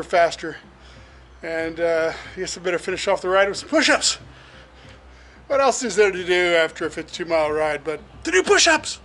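A man's voice: sits high, a bit bright, slight background noise. A man in his fifties chatting casually and hesitantly to a handheld camera as a fitness vlogger. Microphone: handheld action camera at arm's length.

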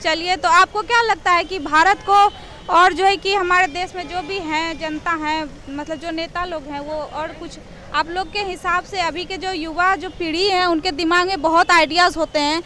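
A woman with a very high voice reports from a busy street crossing. She chats easily and nudges passersby with question after question. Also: steady tone, moderate pace, sharp tone, slight background noise. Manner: chatty, coaxing questions to passersby. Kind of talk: street vox pop reporting.

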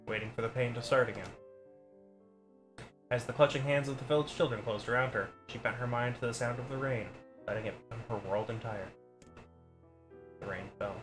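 A man reading a novel aloud in a steady storytelling way, with occasional slips and asides. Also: medium pitch. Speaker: story reader.

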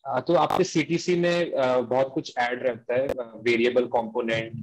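A man's voice: mid-range voice, fairly even intonation, very fast, poor audio. A man, a student answering questions on a video call, often repeating and restarting phrases. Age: 20s. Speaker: graduate student being interviewed. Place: small room at home, indoors.

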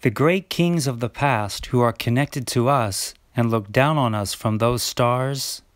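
A man playing a stern, wise lion king in an amateur stage play, speaking gravely and earnestly. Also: mid-range voice, a little slow, dry recording, studio quality, close to an everyday voice. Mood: solemn.

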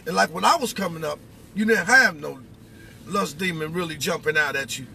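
Inside a vehicle cab, a middle-aged American man gives an informal spiritual talk, emphatic and instructive, frequently checking in with questions. His voice is a little high, a little fast, creaky, and sharp in tone. The recording is very noisy with road, car, and outdoor sounds.

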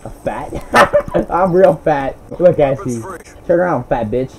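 A young man commentating his own online shooter match, with profane, hot-tempered trash talk and bursts of yelling. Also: fairly high pitch, animated, slow, gravelly. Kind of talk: live gameplay commentary. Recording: gameplay audio noise under the voice. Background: game sounds, gunfire and vehicles.

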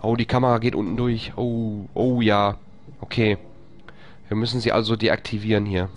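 His delivery is flat and moderately paced as he streams a horror game live with let's play commentary. He talks to viewers, drops to a whisper while sneaking, and breaks into high-pitched screams and panicked swearing when attacked.

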